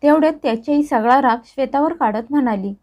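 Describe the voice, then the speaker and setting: A woman's voice: sits high, quick pace, a little mellow. Woman narrating a family story.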